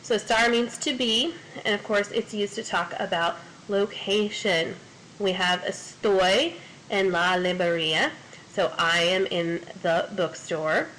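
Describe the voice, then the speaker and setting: A woman at an ordinary middle pitch gives a recorded language lesson. She explains patiently, step by step, pausing on frequent fillers. A faint hiss of noise sits under her voice. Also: fairly even intonation, a bit bright, rough recording. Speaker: Spanish teacher.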